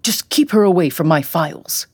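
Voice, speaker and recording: A woman's voice: on the low side, lively intonation, normal speed, darkish tone, breathy edge. A woman voicing a frightened, paranoid old grandfather who talks in urgent, suspicious bursts. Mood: agitated, paranoid.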